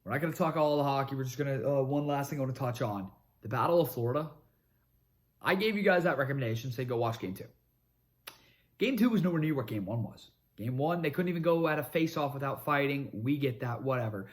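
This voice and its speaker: A young man hosting a sports talk show, recapping games in an excitable monologue that swings between calm recaps and shouted hype. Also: medium pitch, fast talker. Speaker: sports podcast host. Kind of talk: energetic sports commentary monologue.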